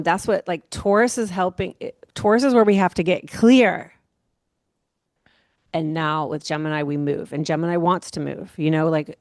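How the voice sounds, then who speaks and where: A woman astrologer giving a casual monthly horoscope talk, rambling and relaxed, with many fillers and soft laughs. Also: fairly low pitch, no echo, clean studio sound. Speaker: astrologer host.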